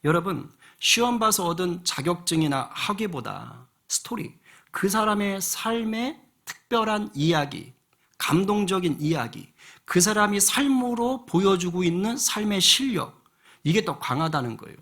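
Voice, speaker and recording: A middle-aged male pastor preaching a sermon in a church, his voice somewhat husky and pitched a little high. He drives his points with rhetorical questions, swinging between fervent outbursts and quieter asides. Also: expressive, a little slow. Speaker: senior pastor. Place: church sanctuary.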